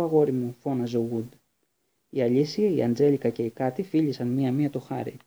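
A man narrating a novel aloud in a measured storybook way, with small slips. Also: medium pitch, creaky, warm tone, husky. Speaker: audiobook narrator.

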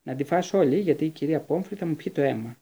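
A man's voice: fairly high pitch, husky. A man voicing a kind but guarded adult male teacher of magic in an audiobook. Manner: gentle, then curt.

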